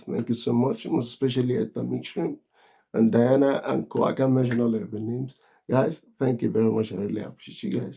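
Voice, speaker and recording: A man with a Nigerian accent talking casually to camera in a vlog, chuckling often and pausing on drawn-out fillers. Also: mid-range voice, creaky, warm tone, breathy edge. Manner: chuckles often while explaining. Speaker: vlogger.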